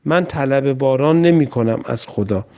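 A man's voice: mid-range voice, clear, resonant tone, natural voice. A man voicing a hungry, stern prophet in a religious story, insistent and commanding. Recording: dull lo-fi recording.

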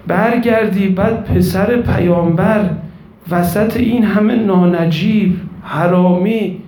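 A man's voice: sits high, darkish tone. A man voicing a devout mother who firmly refuses to let her son turn back from battle, in an insistent, pleading manner. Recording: echoey room.

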